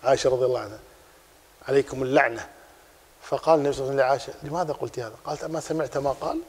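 A man teaching a religious class, explaining a text in a lively way and repeating his key points. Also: medium pitch, racing, breathy edge, long reverb tail.

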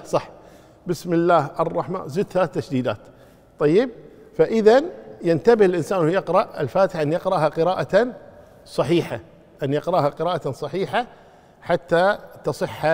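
A man's voice: a little high, expressive, fast, long pauses, darkish tone. A man teaching a religious lesson on prayer rules. He repeats his key points and quizzes his listeners as he goes. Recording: long reverb of a large hall.

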